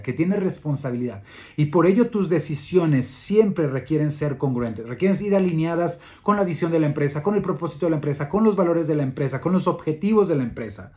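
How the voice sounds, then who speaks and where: A man giving a leadership coaching talk, earnest and repetitive, halting with fillers as he tells a workplace story. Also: on the high side, a little mellow. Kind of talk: motivational talk with anecdote.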